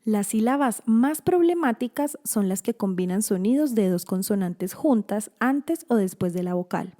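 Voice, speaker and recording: A woman giving a scripted instructional narration for parents and teachers, slowly stretching out the example words. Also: medium pitch, animated, dark tone.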